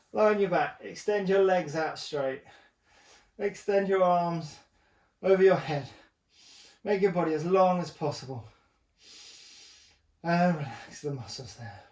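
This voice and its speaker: A man's voice: on the high side, a little mellow, echoey room, distant mic. A man working as a personal trainer, talking viewers through an ab workout while exercising himself, encouraging and joking, short of breath between sets.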